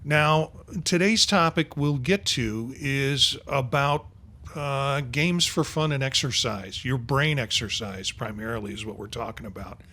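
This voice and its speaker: A man in his sixties hosts a podcast panel, rambling through casual chat packed with fillers. His voice sits at a medium pitch and moves at a measured pace, with a bright, forceful tone.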